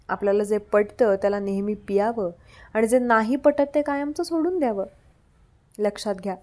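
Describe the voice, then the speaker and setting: A woman gives a scripted devotional talk in a steady, preaching way. Her voice sits a little high but sounds mellow and dark in tone. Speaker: devotional message reader.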